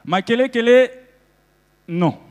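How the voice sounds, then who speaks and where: High-voiced Congolese stand-up comedian. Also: male voice, slow, big-room sound. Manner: animated, jumps into loud shouted character bits. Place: festival stage before a live audience.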